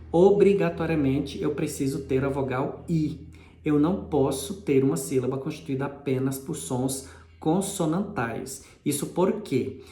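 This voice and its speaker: A man's voice: fairly high pitch, warm tone. Man, teacher, patient explaining, repeats terms, echoey room. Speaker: linguistics teacher. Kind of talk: explanatory lesson.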